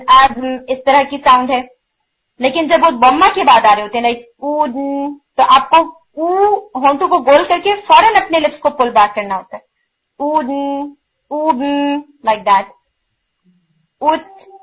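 A woman teaching recitation pronunciation, explaining patiently and drawing out example sounds slowly, with English words mixed into her talk. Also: high voice, expressive, a bit bright, highs cut off. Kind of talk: online tajweed lesson.

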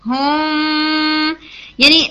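This woman's voice is high-pitched, level and sharp, and the recording sounds muffled. Teaching tajweed, she patiently explains and demonstrates Quran recitation sounds, mixing in English words, frequently checking in with listeners, and posing and answering her own questions.

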